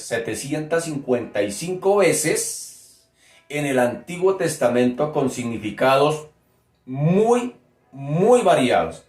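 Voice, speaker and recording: A male preacher delivers a sermon at an unhurried, deliberate pace, leaning hard on key words and checking in with his listeners. His voice sits at an average pitch and rings out in a roomy space. Soft instrumental music plays faintly behind him. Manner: slow, emphatic teaching with direct questions to listeners.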